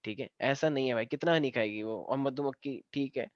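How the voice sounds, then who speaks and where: A male science teacher gives a live online lesson, explaining step by step while playfully joking with and teasing his students. His mid-range voice moves fairly quickly, with no echo but a muffled sound.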